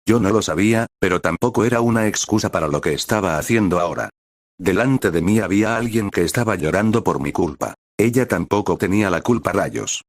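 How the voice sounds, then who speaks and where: A man's voice: sits low, brisk, dry recording, studio quality. A man reading a fan fiction story aloud in the first person, with emotional, dramatic storytelling.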